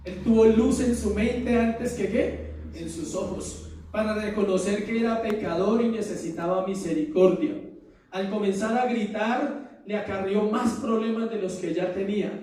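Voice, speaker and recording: A man preaching a sermon as pastor, asking the congregation rhetorical questions and pausing for effect. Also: sits high, dark tone. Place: church hall. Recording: echoey church room from far off.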